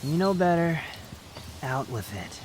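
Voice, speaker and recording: A man playing a prideful, sharp-tongued puppet wanderer with a secret fondness, speaking to the listener in a roleplay audio drama, haughty and unhurried. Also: on the high side, very animated, very noisy. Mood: wry, confessing.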